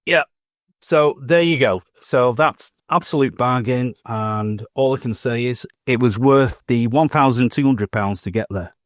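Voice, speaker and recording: An unhurried man with a mid-range voice co-hosts a modelling podcast, recorded at studio quality with no echo. In casual chat he spins rambling shopping stories, laughing and starting over now and then.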